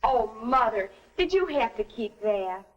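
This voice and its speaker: Dreamy 1950s American teen girl, high voice, swooping intonation, wholesome, stagy film acting. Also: sing-song, unhurried, highs cut off. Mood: curious, reflective.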